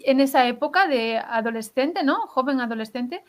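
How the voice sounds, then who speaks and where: A woman's voice: sits high, expressive, moderate pace. A woman hosting a casual interview, encouraging, often adding tag questions and short acknowledgements. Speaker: interviewer, host.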